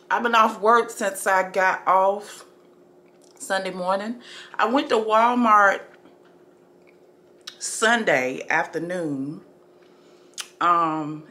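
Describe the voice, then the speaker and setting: Slow, easygoing woman vlogging. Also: mid-range voice. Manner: chatty, relaxed, addresses viewers as family and y'all. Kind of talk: casual vlog chat to camera. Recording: echoey room, faint background noise.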